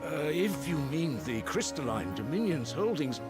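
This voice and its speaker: An actor playing an anxious, deferential court councillor with a formal manner in a fantasy video game. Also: male voice, fairly high pitch, sing-song, moderate pace. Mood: uneasy. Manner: formal, hesitant when challenged. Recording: game audio under loud music.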